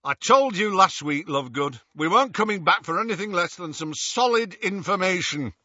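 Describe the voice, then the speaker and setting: A man voicing a brutal, sneering dark wizard in an audiobook, with a rough, menacing, mocking delivery. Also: a little high, animated, normal speed, no room sound, lo-fi sound, voice pushed up, exaggerated voice. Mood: mocking, angry.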